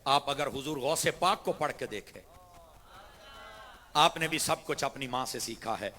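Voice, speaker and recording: Male preacher, bright and forceful, impassioned sermon storytelling, long hall reverb. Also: medium pitch. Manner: impassioned, swings from soft to shouted; addresses the audience directly.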